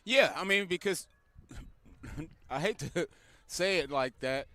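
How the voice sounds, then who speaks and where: High, bright laid-back football analyst. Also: male voice, expressive, slow pace, no room sound. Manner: laid-back, laughs often. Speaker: color commentator. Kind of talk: casual sports analysis.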